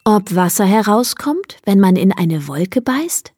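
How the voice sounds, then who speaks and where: A woman's voice: mid-range voice, very animated, measured pace, darkish tone, slight background noise. Woman doing a grumbly storybook fox. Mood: wondering. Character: grumbly thoughtful young fox.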